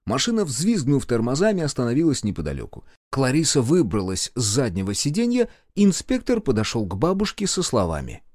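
A man's voice: medium pitch, huge pitch swings, fairly quick, hardly any pauses, a little mellow, no room sound, clean studio sound. A man narrating a novel as an audiobook, telling the story expressively. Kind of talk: scripted narration.

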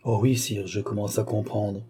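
A male reader plays a timid elderly tutor to a prince, deferential and easily flustered. He answers in a soft, hesitant way, with a dark husky tone. He sounds evasive and nervous before the king. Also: fairly low pitch, little pitch movement, moderate pace. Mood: bewildered. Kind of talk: audiobook character reading.

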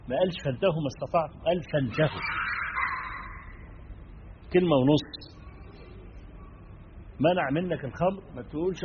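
A man with an Egyptian accent preaching a sermon, turning from emphatic stress to quiet asides and checking in with his listeners. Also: a little high. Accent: Egyptian Arabic. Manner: swings between emphatic and hushed, asks listeners "right?". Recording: dull lo-fi recording with faint noise.

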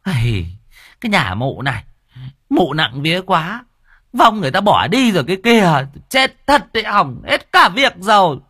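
A man voicing an irritable, sharp-tongued woman spirit medium who scolds in an exasperated way. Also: deep voice, big pitch swings, a little slow, no room sound, clean studio sound, exaggerated voice. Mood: scolding.

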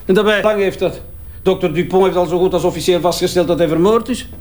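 An actor plays a talkative, sardonic Flemish male forensic investigator at a crime scene in a naturalistic audio crime drama. He's brisk, dismissive and wry, bantering and hesitating while he examines things, in a fast, higher-pitched voice with a darkish tone. It sounds close to an everyday voice.

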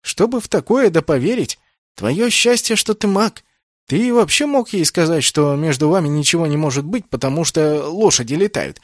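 Brief: male reader as a cocky young soldier, high and loud, indignant, dry audiobook sound. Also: animated, normal speed, dry recording. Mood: mocking. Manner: loud, protesting, mocking.

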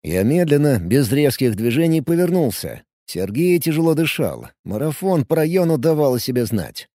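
A man reading a first-person story aloud in a lively storytelling way. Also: a little high, normal speed, no room sound, clean studio sound. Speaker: audiobook narrator.

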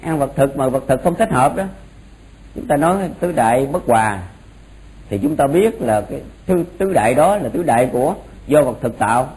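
A man's voice: mid-range voice, animated, moderate pace, a little mellow, rough recording. A man giving an informal explanatory religious lecture, often repeating phrases for emphasis. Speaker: Buddhist monk teaching a doctrine class. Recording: noticeable background noise.

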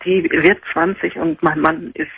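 A woman in her forties calling a radio show, talking softly so as not to wake her sleeping family. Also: fairly low pitch, steady tone, measured pace, background noise. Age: 40s. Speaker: caller. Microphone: telephone. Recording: husky phone line into a radio show.

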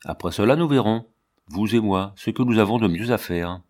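A man's voice: fairly low pitch, moderate pace, a little mellow, lightly acted. A man reading aloud the lines of a wary, stooped old woman who speaks in a curt, guarded way, in a storybook reading.

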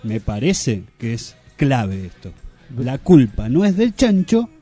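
A man's voice: medium pitch, big pitch swings, slow, warm tone, husky, soft background music. A man hosting a radio show in a studio with a Rioplatense accent, rambling and joking in casual banter. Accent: Rioplatense Spanish. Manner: rambling, playful, jokey asides. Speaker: radio host.

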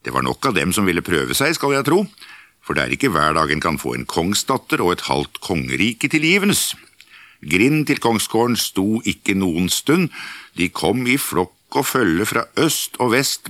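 A man reading a folk fairytale aloud with an expressive storybook lilt. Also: fairly low pitch, no echo, studio quality.

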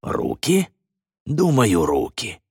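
A man's voice: medium pitch, huge pitch swings, slow pace, husky, dry recording, studio quality, heavily acted. A man playing a big boisterous foreigner. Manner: loud, hearty, broken grammar. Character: big, boisterous man speaking broken Russian.

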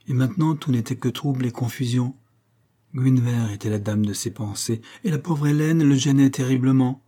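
A man narrating a classic novel as an audiobook, reading in a measured, expressive way. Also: mid-range voice. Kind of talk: scripted literary narration.

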